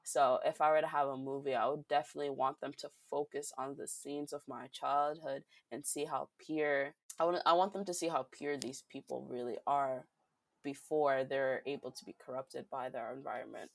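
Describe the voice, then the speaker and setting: A woman's voice: very deep voice, moderate pace, gravelly, dry recording. A teenage girl from Rhode Island, a youth activist guest, answering interview questions earnestly and retelling conversations with friends. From Rhode Island, USA. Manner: earnest, storytelling, quotes friends in lively voices.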